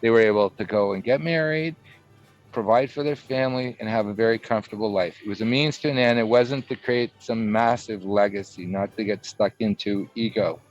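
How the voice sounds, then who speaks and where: A middle-aged man from Canada telling a personal story in a casual interview, rambling and animated with frequent restarts. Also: on the low side, fairly quick, soft background music. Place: video call. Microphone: computer microphone on a video call. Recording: muffled video call audio.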